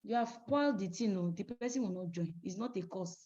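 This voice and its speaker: A business trainer with a Nigerian English accent gives a motivational sales talk, emphatic and preachy, acting out phone calls as she teaches. Her voice is medium-pitched, warm and a little fast, captured on a dull lo-fi recording.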